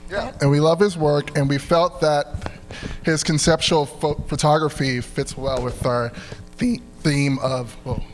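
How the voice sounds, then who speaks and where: Higher-voiced young man presenting in a hall. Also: fairly even intonation, over music. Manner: informal, halting, slangy. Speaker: art gallery co-founder, co-presenter. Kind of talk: casual live co-presentation on stage. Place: stage in a reverberant venue. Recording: reverberant hall.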